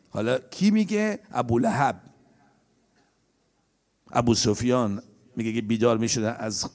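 A man giving a religious sermon who slowly chants scripture quotations and then explains them in quick, conversational speech, putting rhetorical questions to his listeners. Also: a little high. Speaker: preacher.

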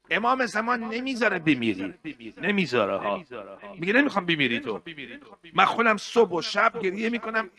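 Impassioned preacher man, lively pitch. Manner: emotional, swings from hushed to loud and chanted. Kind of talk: mourning sermon.

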